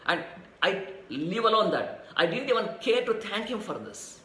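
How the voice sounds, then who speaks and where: A man's voice: high voice, big pitch swings, normal speed, pushed and bright. A man preaching a devotional sermon, repeating phrases rhythmically and chanting verses. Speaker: spiritual teacher. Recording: echoey room, faint ambient noise.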